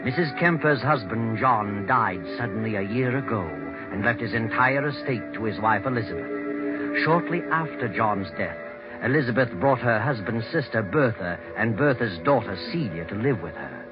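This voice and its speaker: An actor playing a sinister night-walking storyteller, narrating a 1940s radio mystery in a slow, brooding, theatrical way. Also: male voice, medium pitch, expressive, lightly acted. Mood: ominous. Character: the Whistler, sinister night-walking teller of dark tales. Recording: muffled 1940s radio recording with music.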